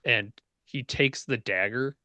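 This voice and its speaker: A man's voice: medium pitch, slow, sharp tone, no room sound. A man narrating a tabletop fantasy game as game master, describing the scene in short phrases.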